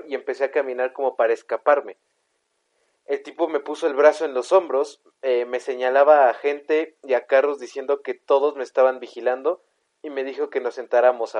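On a podcast with dull, lo-fi sound, a young male co-host with a Mexican Spanish accent jokes around, laughs, swears and occasionally reads a story aloud. His mid-range voice is a little mellow.

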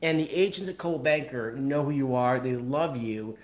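A man's voice: medium pitch, normal speed. A man hosting a live video podcast, upbeat and chatty, often stumbling over words and repeating himself. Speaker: podcast host.

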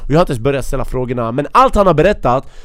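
A man's voice: medium pitch, animated, fairly bright tone, no room sound, clean studio sound. A young man hosting a casual interview, curious and asking follow-up questions in slang. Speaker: podcast host.

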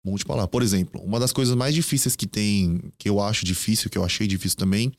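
A man's voice: lowish voice, fast, dry recording. A man of about thirty with a Brazilian Portuguese accent, a guest chatting on a podcast and telling his stories with quoted asides. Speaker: guest, Korean teacher. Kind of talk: casual podcast interview. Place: podcast studio.

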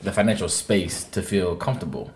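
A man co-hosting a podcast, talking earnestly and reflectively in casual banter. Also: deep voice. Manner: reflective, earnest, drawn-out phrasing. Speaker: podcast co-host.

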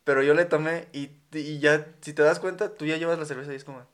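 A man's voice: a little high, fast. Slangy young Mexican man chatting. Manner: animated, laughing, slangy storyteller. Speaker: podcast co-host. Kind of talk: casual chat.

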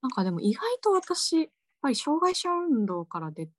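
Woman, book editor, casual chat, searching for words, lively pitch. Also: fairly quick, no room sound, clean studio sound.

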